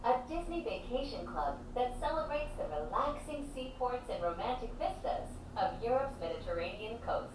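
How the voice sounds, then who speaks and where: Soft lobby-style announcement from a woman over a speaker. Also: fairly high pitch, normal speed, hardly any pauses. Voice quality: calm, polished, gently welcoming. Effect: cabin loudspeaker playback. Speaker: recorded announcer. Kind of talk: soft recorded welcome announcement. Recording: echoey loudspeaker heard from far off with background hum.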